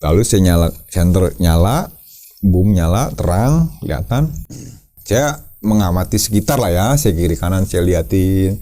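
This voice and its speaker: A man who leads a caving team, telling his story to an interviewer in a casual, lively way, repeating his words and acting out shouts. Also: low-pitched, moderate pace.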